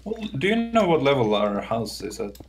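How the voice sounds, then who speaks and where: A man chatting in a relaxed, easygoing way during a co-op game session. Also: mid-range voice, normal speed. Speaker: gamer in a co-op session. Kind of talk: casual gameplay chat.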